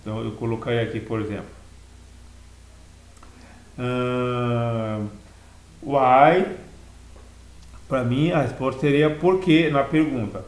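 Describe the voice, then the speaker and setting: A man giving a recorded language lesson, explaining vocabulary slowly and repeating words in two languages. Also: medium pitch, darkish tone, roomy sound, rough recording. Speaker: English teacher.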